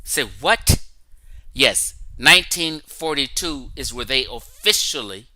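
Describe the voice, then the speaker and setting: The man's mid-range voice is expressive and slow, pushed and bright, captured without echo on a rough recording. As host of a casual online talk show livestream, he lectures his audience emphatically, regularly reads text from his screen, and keeps checking in with frequent "okay?" and "right?".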